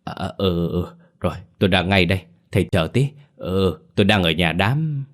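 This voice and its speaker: A man's voice: sits low, expressive, normal speed. A man voicing an old village grandfather who speaks in a reassuring, hesitant way.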